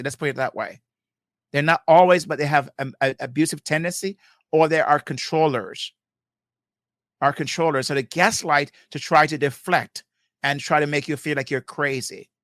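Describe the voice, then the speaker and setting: A man teaches couples in a rapid, emphatic style, repeating key phrases like a preacher. His voice sits on the higher side for a man. The sound is close and completely dry. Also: a bit bright, no room sound. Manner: fast-talking, emphatic, preacher-like repetition; quotes Bible verses, chuckles often. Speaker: marriage podcast host. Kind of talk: live teaching on marriage.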